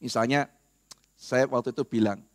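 A man giving a casual, animated classroom lecture on apologetics, talking straight to his listeners. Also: mid-range voice, moderate pace. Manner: animated, conversational, addresses listeners directly.

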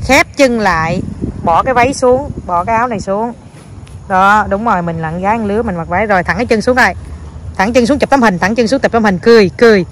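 A woman's voice: mid-range voice, fast. A woman chats playfully with her little child while filming on a phone outdoors. Her tone is doting and coaxing. Faint outdoor noise sits under her voice. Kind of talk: casual home video chat with a toddler. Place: outdoors on a lawn.

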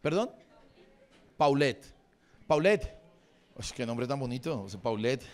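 Slow and expressive, with a mid-range voice, a forties-aged stand-up from Bogotá improvises crude jokes and trades banter with a live comedy-venue crowd.

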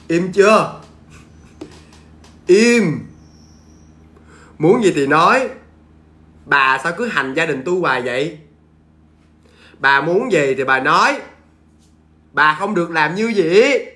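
A man voicing a stern middle-aged mother who commands a spirit to be quiet. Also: high voice, wildly swooping pitch, very slow, pauses often, full character voice. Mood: scolding. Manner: sharp, commanding.

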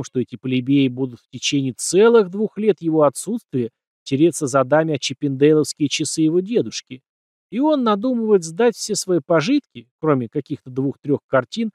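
A man's voice: medium pitch, darkish tone, no echo, clean studio sound. A man narrating a first-person crime story as an audiobook, acting out bits of dialogue.

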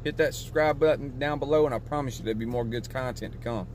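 Male car vlogger, relaxed and chatty, slightly winded, mid-range voice, faint outdoor noise. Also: mid-range voice, fast talker. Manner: laid-back, chatty, talks straight to viewers. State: a little out of breath. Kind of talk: casual how-to vlog outro.

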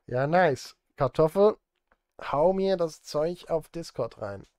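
Slow yet animated, a slightly high, darkish male voice comes through in studio quality with no echo. The speaker, a Swiss film composer and streamer in his thirties, rambles and mutters self-deprecatingly at his indoor streaming desk while he works.

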